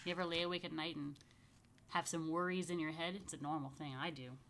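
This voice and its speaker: Reading a children's picture book to young families, a rabbi speaks in a low-sitting voice over slight background noise. Her storytelling is slow, emphatic and expressive, drawing out important phrases, and she drifts into casual murmured asides.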